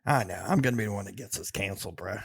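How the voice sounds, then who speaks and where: A man's voice: fairly low pitch, rapid-fire, creaky, breathy edge. A man co-hosting a casual sports podcast, laid-back and swearing, calling his friend bro and dude. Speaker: podcast co-host.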